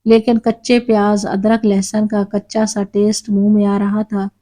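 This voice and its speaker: A woman narrating a moral story in a steady storytelling manner. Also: mid-range voice.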